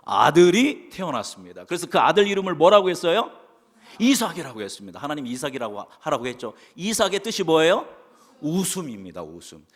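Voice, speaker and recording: Male pastor, animated rise-and-fall delivery, question-and-answer preaching, long church-hall reverb. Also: fairly high pitch, brisk. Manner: asks the congregation questions and answers them. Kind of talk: sermon. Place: church sanctuary.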